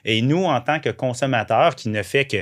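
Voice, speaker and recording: A man's voice: medium pitch, normal speed. A man with a Québécois French accent, a guest recounting events animatedly in an interview. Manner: animated storytelling with restarts. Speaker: guest, vehicle owner. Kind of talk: casual interview chat.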